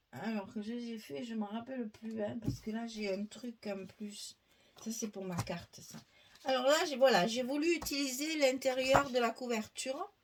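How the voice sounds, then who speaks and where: A woman's voice: fairly high pitch, a little hiss or hum. A woman chatting her way through a scrapbooking tutorial, thinking aloud, filling gaps with little fillers and laughing at herself. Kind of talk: casual crafting tutorial.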